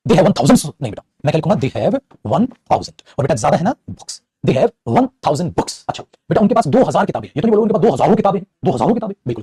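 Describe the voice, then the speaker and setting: A male teacher rattles through a live online grammar class at great speed, his pitch leaping around as he scolds and motivates. His voice is husky and mellow. It sits close and dry on the mic. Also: no room sound. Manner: scolding, motivational, calls students beta.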